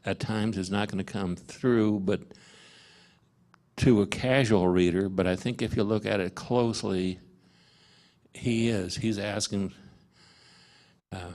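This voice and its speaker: Slow, gravelly-voiced man leading Bible study. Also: on the low side, steady tone, darkish tone. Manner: halting, many fillers and restarts. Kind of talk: informal Bible study teaching. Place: parish meeting room.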